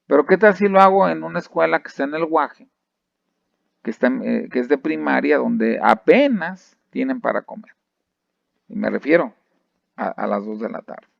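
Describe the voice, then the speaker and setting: A man's voice: mid-range voice, lively intonation, normal speed, gravelly, no echo. A man with a Mexican accent giving a conversational lecture on thesis methodology, full of fillers and restarts, often checking in with rhetorical questions. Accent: Mexican Spanish. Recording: dry, dull lo-fi recording.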